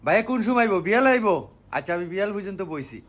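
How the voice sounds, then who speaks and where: A man's voice: high-pitched, lively intonation, very fast, fairly bright tone. A man, playing a loan collector in a comic sketch and talking in a demanding, scolding way. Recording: noisy background.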